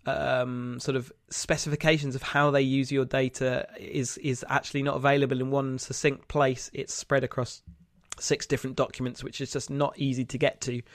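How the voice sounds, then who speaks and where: Male podcast host, nasal and stuffed up with a cold, mid-pitched, casual news chat, dry sound. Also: little pitch movement, normal speed, dry recording. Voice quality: nasal, congested. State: bunged up with a cold.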